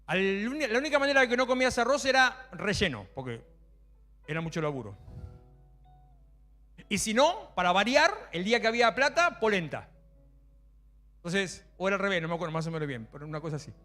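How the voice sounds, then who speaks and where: A middle-aged man with a Rioplatense Spanish accent preaching a lively sermon, swinging between loud exclamations and quiet asides. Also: sits high, fairly quick, long pauses, soft background music. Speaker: pastor.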